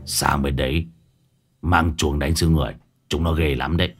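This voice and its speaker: A man voicing a gruff shaman, blunt and scolding. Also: a bass voice, fairly even intonation, normal speed, faint music behind, voice pushed down. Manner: gruff, hesitant.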